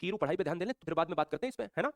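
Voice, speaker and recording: A man teaching a live online class in mixed speech, lively and teasing, calling out viewers by name as he explains. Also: sits high, very fast, dry recording, studio quality.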